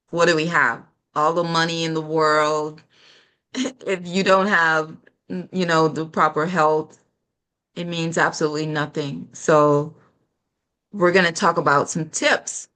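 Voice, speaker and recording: A middle-aged Caribbean woman hosts an online panel show, speaking reflectively about health in spiritual terms. Her voice is low with a fairly bright tone.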